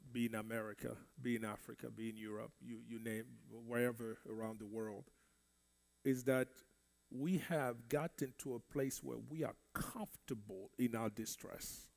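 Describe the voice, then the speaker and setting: Speaking in a gravelly, mid-range voice with a darkish tone, a minister from the Congo leads a Bible study in church. French is his first language. He preaches conversationally and tends to repeat words.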